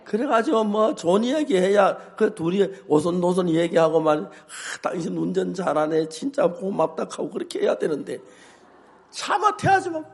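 Animated older Korean pastor, gravelly. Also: male voice, high-pitched. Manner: animated storytelling, acts out shouts. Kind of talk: humorous sermon.

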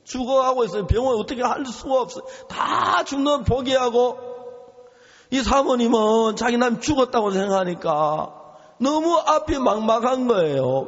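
A male pastor preaching a sermon, telling a story with animation and acting out the voices of the people in it. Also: extremely high pitch. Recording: reverberant hall, dull lo-fi sound.

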